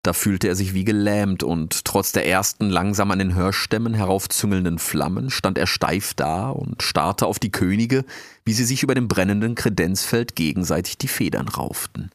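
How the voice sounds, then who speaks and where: A man's voice: sits low, moderate pace, no room sound. A man narrating a story, reading expressively and dramatically. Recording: dry close sound.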